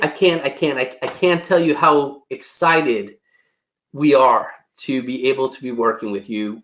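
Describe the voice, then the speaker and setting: A man's voice: on the high side, poor audio. A man, a physician, giving a webinar presentation in an earnest, encouraging way, often restarting and repeating himself. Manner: earnest, repetitive, frequent restarts; pleading and encouraging.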